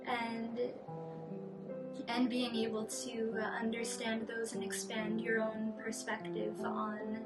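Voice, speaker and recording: A woman's voice: fairly high pitch, recorded from a distance. A woman working as a design associate, giving a reflective personal statement and repeating words as she goes.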